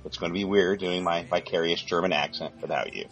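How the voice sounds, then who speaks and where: A man's voice: low voice, steady tone, fairly quick, a bit bright, soft background music, poor audio. A man hosting a casual gaming podcast, rambling with many fillers and crude jokes. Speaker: podcast host.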